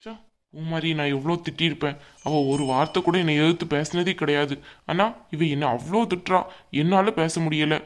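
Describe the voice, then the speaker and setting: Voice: medium pitch, steady tone, fairly quick, close to an everyday voice. A performer voicing a meek young groom in a cartoon who pleads with his bossy fiancée. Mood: pleading. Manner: pleading, flustered. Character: meek young groom, company owner, henpecked. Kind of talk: cartoon voice acting.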